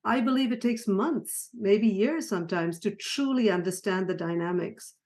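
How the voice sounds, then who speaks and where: A middle-aged woman from Sri Lanka, a psychiatrist guest on an interview, talking warmly with frequent laughs and restarts. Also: mid-range voice, normal speed. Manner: warm, laughing, many restarts. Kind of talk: conversational interview.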